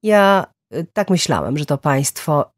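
A woman's voice: fairly high pitch, animated, a little mellow, no echo, studio quality, pitched above the performer's own voice. A woman voicing a shy, awkward man who stammers and halts with fillers, in an audiobook thriller. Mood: timid. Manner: hesitant, halting with fillers.

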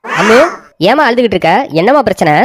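A kind young husband from a cartoon story, tender and soothing toward his wife. A woman plays him. He speaks quickly and gently. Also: on the high side, lively intonation, dry recording, studio quality. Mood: alarmed. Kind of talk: cartoon voice acting.

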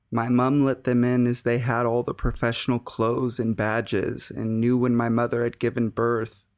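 A man reads scary stories in a gravelly voice. His delivery is steady and unhurried, with a flat, even tone. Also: mid-range voice. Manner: slow, even storytelling delivery. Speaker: narrator. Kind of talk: scripted narration.

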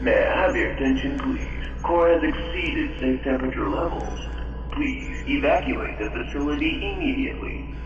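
A man's automated voice playing a calm facility announcer over a public-address loudspeaker, formal and flat. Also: mid-range voice, moderate pace, long pauses. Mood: urgent. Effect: public-address loudspeaker sound. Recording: muffled echoey speaker with loud music.

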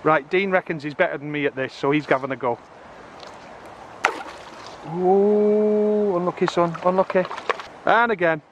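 A middle-aged man chatting excitably to his viewers while magnet fishing outdoors in a river, filmed on a camera. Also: high-pitched, measured pace, pauses often, muffled recording, noisy background. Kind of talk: casual outdoor commentary. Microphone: camera on a tripod or handheld.

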